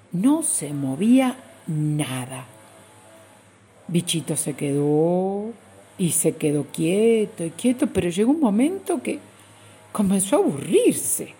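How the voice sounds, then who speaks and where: Slow, gravelly woman storyteller. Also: lowish voice. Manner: expressive, addresses young listeners directly. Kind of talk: children's story narration.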